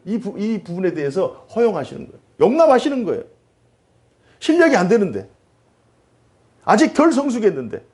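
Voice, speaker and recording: A male pastor preaching a sermon, animated and full of rhetorical questions. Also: sits high, breathy edge.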